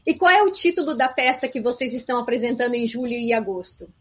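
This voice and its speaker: A woman's voice: fairly high pitch, fast talker, fairly bright tone, breathy edge. A woman interviewer asking polite, direct questions.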